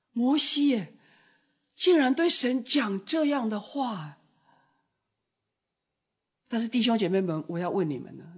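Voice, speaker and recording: A woman delivering a sermon with a husky, breathy edge to her voice. She preaches dramatically, rising to loud outbursts and then dropping to soft, hushed words. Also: mid-range voice.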